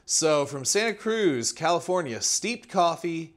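A man's voice: a little high, sing-song, measured pace. A man hosting his own channel, chatting casually through a table of camping meals with plenty of fillers and restarts. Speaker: food reviewer, channel host. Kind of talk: casual product walkthrough. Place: indoors at a table.

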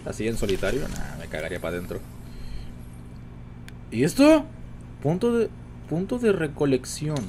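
A man with a Mexican Spanish accent streams a game, chatting to viewers nonstop in casual commentary. He swings from low mutters to sudden high-pitched exclamations, with his voice sitting at a middling pitch. A faint hiss of noise sits under his voice. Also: a little mellow. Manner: chatty, addresses viewers constantly. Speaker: gaming streamer.

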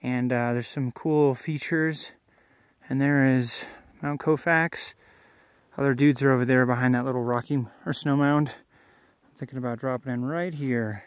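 A man's voice: medium pitch, fairly even intonation, dry recording. A man chatting casually with his friends while skiing, filmed on an action camera outdoors on a snowy mountain. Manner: laid-back, slow-paced, laughing with friends. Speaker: skier filming his run. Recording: noisy outdoor action-cam audio.

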